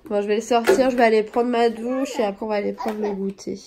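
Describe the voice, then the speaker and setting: A young woman and mother with a cold, chatting casually and rambling through her day at home for a vlog, often dropping to a soft, low voice. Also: steady tone, fast talker, very noisy. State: sniffling with a cold. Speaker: vlogger, mother of two young boys.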